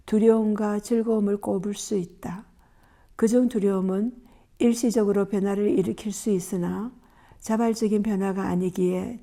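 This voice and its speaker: A woman calmly and gently reading aloud a chapter from a faith-based self-help book in measured, scripted narration. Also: medium pitch.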